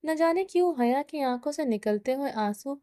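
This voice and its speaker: A woman narrating a novel aloud in a steady reading voice with small restarts. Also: high voice, dry recording, clean studio sound. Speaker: novel reader. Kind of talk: audiobook narration.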